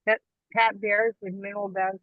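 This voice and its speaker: A man's voice: high-pitched, little pitch movement, moderate pace, no echo. A man calling in from his car on speakerphone, introducing himself to a meeting and apologizing lightly while he drives. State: driving while talking. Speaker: community group representative on a meeting call. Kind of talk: brief self-introduction. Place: in a car on the road. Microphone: phone speaker in a car. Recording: tinny dry phone line from a moving car.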